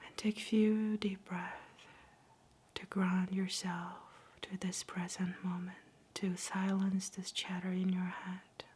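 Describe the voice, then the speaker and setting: Woman doing a whispered asmr pep talk, super breathy, slow and even, gentle and soothing. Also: on the low side. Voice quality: soft, breathy unvoiced whisper. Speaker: ASMR host.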